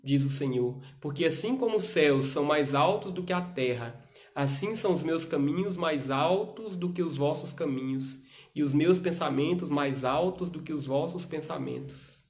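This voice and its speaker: A man with a somewhat high voice preaches in a livestream sermon. He pushes hard with loud rhetorical questions, then drops to quiet, intimate asides, always speaking straight to the young people watching. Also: moderate pace. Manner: emphatic, rhetorical questions, shifts between loud urging and soft asides.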